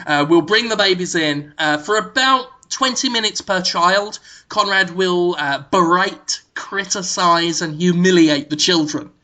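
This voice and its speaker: A man co-hosts a comedy podcast, delivering an absurd proposal with a totally straight, deadpan seriousness. His voice is bright and forceful, and he leans on frequent ums and uhs as he builds the bit. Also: measured pace. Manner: deadpan mock-serious pitch of an absurd plan. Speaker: podcast co-host.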